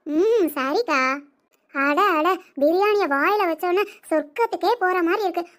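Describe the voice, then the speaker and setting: A woman's voice: very high voice, moderate pace. A woman voicing a meek, innocent young wife in a cartoon comedy.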